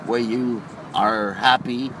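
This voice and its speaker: An older man sitting in a car, answering a street interview slowly and thoughtfully, repeating himself as he goes. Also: mid-range voice, fairly even intonation. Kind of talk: street vox pop answer. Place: seated in a car, street outside. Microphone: handheld phone held to car window. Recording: street traffic noise.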